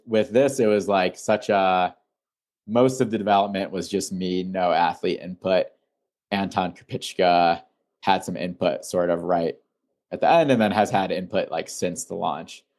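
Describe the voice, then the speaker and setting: A young man from Illinois, a founder being interviewed, talking in a relaxed, rambling way full of "like" fillers. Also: sits low, unhurried. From Illinois, USA. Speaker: founder and guest. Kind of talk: casual interview.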